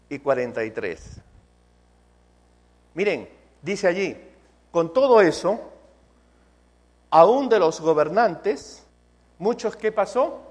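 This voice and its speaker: Male pastor, sermon delivery, high voice, very animated pitch, emphatic. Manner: emphatic preaching, slows for key phrases.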